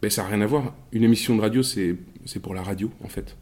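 A man's voice: lowish voice, fast talker, darkish tone, close to an everyday voice. A man playing an awkward, condescending podcast maker in naturalistic audio fiction, explaining hesitantly. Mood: awkward, exasperated.

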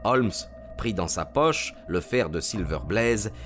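A man narrating a classic detective story as an audiobook, in a measured, expressive storytelling voice. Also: fairly low pitch, faint music behind.

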